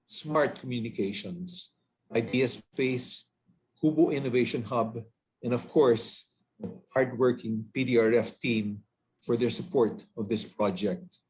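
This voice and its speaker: A man with a Filipino accent, a foundation president giving a measured, earnest prepared speech. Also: mid-range voice, a little mellow. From Philippines.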